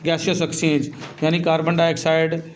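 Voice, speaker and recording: A man teaching physiology, reading English lines slowly and then explaining them, calling his students "beta" and asking and answering his own questions. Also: a little high, monotone, a little hiss or hum.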